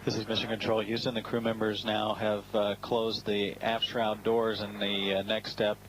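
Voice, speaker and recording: Low, flat male mission commentator. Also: normal speed. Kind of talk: unscripted explanatory spaceflight commentary. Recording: noisy radio broadcast feed.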